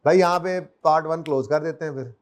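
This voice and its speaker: A man's voice: fairly high pitch, brisk. A man teaching an accounting class in a classroom, chatty and joking, counting years aloud and quizzing his students. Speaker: accounting lecturer. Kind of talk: classroom lecture. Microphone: recorded lecture.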